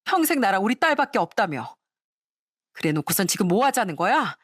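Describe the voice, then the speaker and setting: A woman's voice: medium pitch, sing-song, a little fast, slightly rough, dry recording, studio quality. A woman voicing a scornful ex-wife who sneers and scolds.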